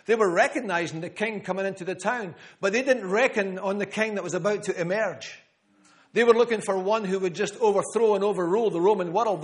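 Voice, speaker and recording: Guy preaching, pretty high voice, hammers the same lines over and over. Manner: emphatic, repeats key phrases, addresses listeners by name. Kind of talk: sermon. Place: church gathering room.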